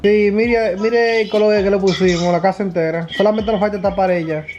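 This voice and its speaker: A man's voice: high-pitched, steady tone, fast talker, darkish tone, dull audio, a little hiss or hum. A man in casual conversation. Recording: music over conversation.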